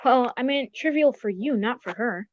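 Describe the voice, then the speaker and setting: A woman's voice: a little high, animated, moderate pace, no room sound, lo-fi sound, close to an everyday voice. A woman playing a genteel, mildly fussy doctor, the detective's loyal friend, in a radio drama. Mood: mildly exasperated.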